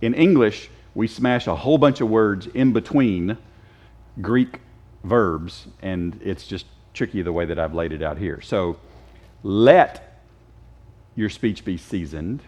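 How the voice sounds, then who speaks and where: A man's voice: fairly low pitch, slow, darkish tone. A man teaching a casual Bible class, joking and quizzing his students. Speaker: Sunday school teacher. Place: church classroom.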